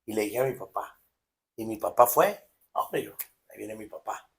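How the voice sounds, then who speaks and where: A man's voice: moderate pace, gravelly. A man with a Mexican accent telling a personal story in a casual podcast conversation, emphatic and full of slang. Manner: emphatic storytelling, slangy, drops pitch for asides. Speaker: podcast co-host.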